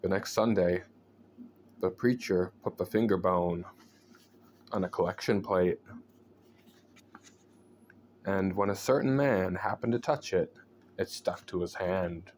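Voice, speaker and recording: A man narrates a scary tale in a low, deep register. He takes his time, pausing deliberately to let suspense build. The recording is homemade, with noticeable background noise behind him. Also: darkish tone. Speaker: storyteller reading aloud from a book. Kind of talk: scripted horror story narration.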